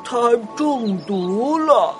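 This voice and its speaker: A woman voicing a strange old male toad in a hoarse, croaky frog voice for a children's story, speaking tersely. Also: a little high, expressive, soft background music. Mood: grave, puzzled. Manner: slow, drawn-out, terse delivery.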